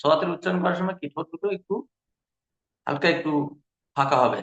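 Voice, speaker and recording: A man's voice: on the high side, fast, a bit bright, lo-fi sound. A man teaching a Quran recitation class, patiently drilling each letter sound and repeating syllables. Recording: echoey room.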